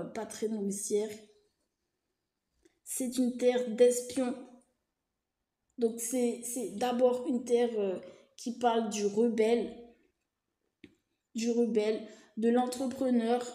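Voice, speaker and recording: This vlogger's voice is a little high and mellow as she addresses the camera in a casual explanatory monologue. Her talk is hesitant and chatty, full of fillers and restarts, with informal reassuring asides, and echoes around the room.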